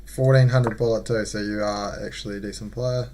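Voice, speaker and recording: On a livestream, a man plays chess while chatting in a friendly, matey way and thinking out loud. His voice is lowish and darkish, with fairly even intonation and a slightly quick pace, over a little background noise.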